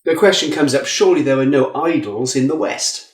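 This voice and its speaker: A man giving an earnest Bible teaching talk as a preacher, lifting his voice for emphasis. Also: fairly quick. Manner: earnest, rising in pitch for emphasis. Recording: echoey room.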